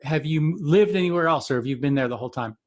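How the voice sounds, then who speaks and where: In Florida, a man hosts a podcast as a casual interviewer, asking questions in a friendly, rambling way full of restarts. His voice is on the high side and his pace is quick.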